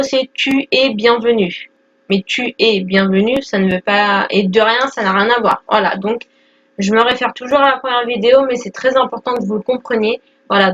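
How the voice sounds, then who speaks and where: A young woman in her twenties walks learners through the basics in a casual lesson, pausing on fillers and checking in often. Her voice sits a little high. The recording sounds dull and lo-fi. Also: a bit bright. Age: 20s. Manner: explains step by step with many fillers and "d'accord?". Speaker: English teacher.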